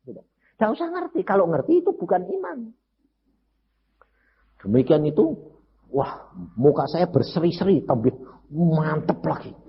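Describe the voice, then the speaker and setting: Addressing his listeners as brothers and sisters, an older man delivers a testimony sermon with animation, mixing Javanese words into his talk. His slightly high voice moves at normal speed with frequent pauses, captured on a dull lo-fi recording with a little hiss or hum.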